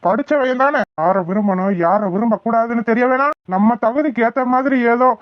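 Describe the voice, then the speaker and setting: A woman's voice: a little high, fairly quick, no room sound, muffled recording, natural voice. A woman doing a stern Thoothukudi village father. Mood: dismayed. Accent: Thoothukudi Tamil. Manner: scolding, exasperated. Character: stern village father, middle-aged man, scolding. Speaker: voice actor in a cartoon. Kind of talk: cartoon voice acting.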